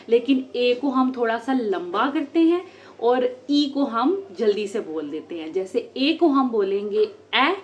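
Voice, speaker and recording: A woman giving a phonics lesson at home, sounding out letters slowly and with care. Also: fairly high pitch. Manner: slow, drawn-out sounding of letters. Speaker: homeschool teacher.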